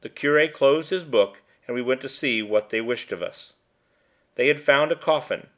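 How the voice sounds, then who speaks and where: A man reads a story aloud in a measured, even way, his voice in the middle range. He narrates like a volunteer audiobook reader. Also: medium pitch. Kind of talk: scripted narration.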